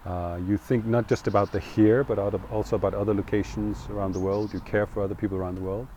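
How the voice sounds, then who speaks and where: A middle-aged man, speaking in English, talking earnestly and thoughtfully in an interview and pausing to find his words. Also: fairly low pitch, fairly even intonation, warm tone, lo-fi sound, slight background noise. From Denmark. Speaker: co-founder interviewee. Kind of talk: reflective interview talk.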